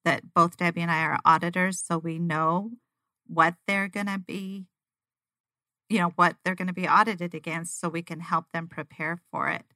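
Female guest, casual and enthusiastic explainer, crisp forceful tone on the low side, dry sound. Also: fairly even intonation, moderate pace, no room sound. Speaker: auditor, interview guest. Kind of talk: casual conversation.

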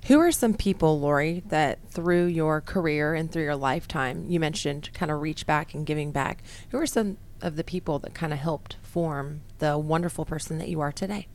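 Low-voiced woman interviewer. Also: moderate pace, few pauses, a little mellow. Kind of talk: conversational interview with affirming interjections.

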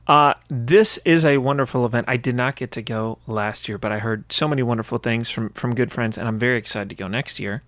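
A man hosting a radio interview, chatty and quick to cheer his guest on. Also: medium pitch, fairly bright tone, no room sound. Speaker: radio host.

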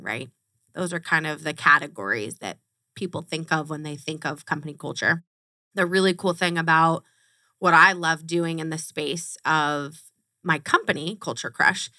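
A woman's voice: sits low, sharp tone, no echo, clean studio sound. A woman hosting a podcast interview, enthusiastic and chatty, who laughs often. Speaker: podcast host. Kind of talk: casual interview chat.

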